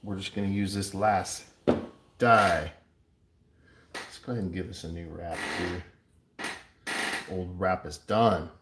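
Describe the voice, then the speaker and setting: A man casually narrating his coin ring making as he works, chatty and relaxed, with playful sound words. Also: sits low, slow, long pauses. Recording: echoey room with clear background noise.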